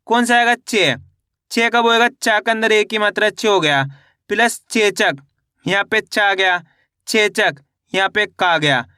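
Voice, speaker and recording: A man teaching reading, slowly sounding out syllables and repeating each word in a question-and-answer drill. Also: high voice, pushed and bright, smooth, no room sound, clean studio sound. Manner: addresses viewers as friends. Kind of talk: step-by-step spelling lesson.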